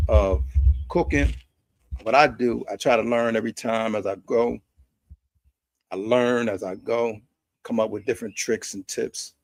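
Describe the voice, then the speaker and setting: A man's voice: mid-range voice, creaky, a little mellow, dry recording. An American man hosting a casual, rambling live stream from his backyard grill, folksy and repeating his phrases for emphasis. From United States. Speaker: host of a cooking and chat stream. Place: outdoors in a quiet backyard.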